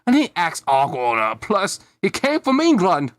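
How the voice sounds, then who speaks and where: A man's voice: sits high, huge pitch swings, a little slow, dry recording, voice pushed up, heavily acted. A man voicing a sweet, cheerful little girl tomato in a sing-song manner.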